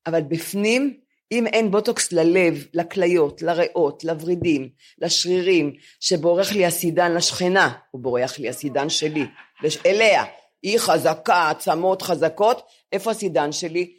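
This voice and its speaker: An older woman in her seventies tells comic stories about getting old, mocking herself with animated swings in her voice. She co-hosts a chat podcast taped live in front of building residents. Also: breathy edge. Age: 70s. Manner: animated, self-mocking, lively jumps in pitch. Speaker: podcast co-host.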